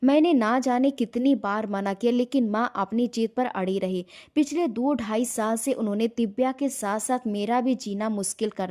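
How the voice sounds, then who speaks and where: High-voiced woman narrating an emotional story. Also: darkish tone. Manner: emotional storytelling, voicing every character herself. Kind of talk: scripted narration.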